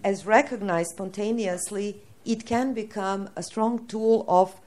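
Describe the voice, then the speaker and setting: A woman's voice: medium pitch, fairly even intonation, a little slow, darkish tone. A woman from Serbia, an activist in the audience giving an earnest, emphatic comment and question.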